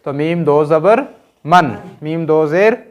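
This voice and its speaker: Speaking slowly in a slightly high voice, a man with a Pakistani Urdu accent teaches Quran reading in a recorded lesson. One short sound at a time, he drills patiently and checks that the learners follow along.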